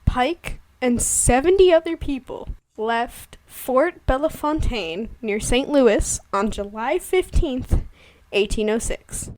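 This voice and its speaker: Woman cohosting a history podcast, kinda high voice, playful, laughs a lot. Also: darkish tone, dry recording, low-quality recording. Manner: playful, laughs often, tells history facts in an upbeat way. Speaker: podcast co-host. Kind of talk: casual history podcast chat.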